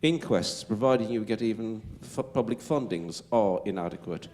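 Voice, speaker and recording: A man's voice: lowish voice, animated, moderate pace, darkish tone. A man with a Wolverhampton accent answering as a panel speaker at a public Q&A, emphatic and stumbling over repeated words.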